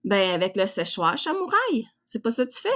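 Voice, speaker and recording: A woman's voice: medium pitch, fast talker, a bit bright. A middle-aged woman with a Québécois French accent, chatting casually and bluntly as a livestream host, with crude, teasing colloquial talk. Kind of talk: casual live chat reacting to viewers.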